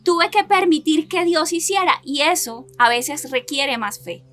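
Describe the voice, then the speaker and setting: A woman delivers a sermon with a high, bright and forceful voice. She speaks earnestly, turning to her listeners with rhetorical questions and stacking phrases in repeated lists. Faint music plays quietly behind her. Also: expressive, a little slow. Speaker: preacher. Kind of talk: sermon with personal testimony.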